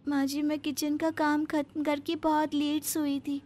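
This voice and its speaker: A woman's voice: high-pitched, completely flat delivery, measured pace, darkish tone, soft background music, pitched above the performer's own voice. A woman voicing a meek young newlywed daughter-in-law who pleads and defends herself in a cartoon story. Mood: pleading. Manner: timid, pleading.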